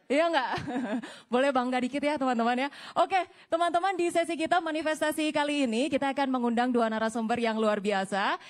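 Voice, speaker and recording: A woman's voice: high-pitched, fairly quick, hardly any pauses. A young woman hosting a live campus talk show on stage, bantering and teasing the student audience. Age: young adult. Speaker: event host.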